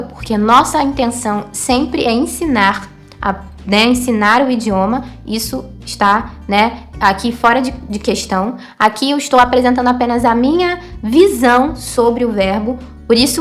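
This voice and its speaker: Woman, Brazilian Portuguese accent, language teacher, patient explaining, frequent check-ins, slightly high voice, soft music behind. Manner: explanatory, fillers like "tá?" and "né?", repeats words slowly. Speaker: Hebrew teacher. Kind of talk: online language lesson.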